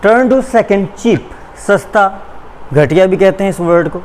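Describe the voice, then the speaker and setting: A man with a Pakistani accent teaching English in a recorded online lecture, shifting between slow, deliberate English and quicker Urdu explanations. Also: high voice, slight background noise, rough recording. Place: school classroom or studio.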